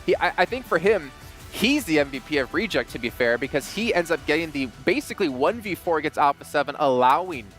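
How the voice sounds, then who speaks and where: Animated fast-talking esports analyst man. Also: fairly high pitch, soft background music. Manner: animated storytelling, acts out reactions. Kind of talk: analyst desk discussion. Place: broadcast studio.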